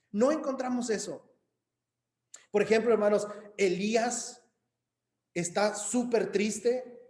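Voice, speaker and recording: A man's voice: high voice, darkish tone, echoey room. A man preaching a sermon in a conversational way, often asking "right?" and addressing the congregation as brothers. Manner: conversational, frequent "¿verdad?" and "hermanos", many hesitations.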